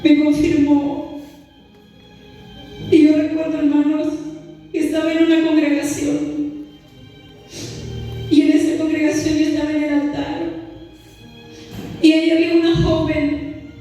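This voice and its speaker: A woman's voice: high-pitched, little pitch movement, moderate pace, long pauses, dark tone. A woman giving a fervent testimony to a church congregation, often calling them beloved brothers and sliding into a sung cadence. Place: church hall. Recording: far-off mic in an echoey hall with music.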